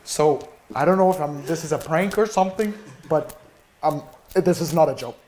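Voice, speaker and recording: Male, 20s, slightly high-pitched, stammering prank complainer on a phone call. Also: normal speed, crowd noise. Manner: hesitant, stammering, repetitive. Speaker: prank caller. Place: small indoor office room.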